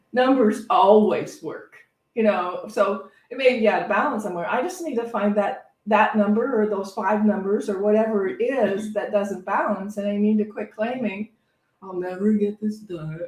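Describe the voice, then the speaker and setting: A woman's voice: medium pitch, darkish tone. A woman reverend giving a conversational, unscripted inspirational talk, reflective and anecdotal, often repeating phrases as she feels her way along. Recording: echoey room, distant microphone.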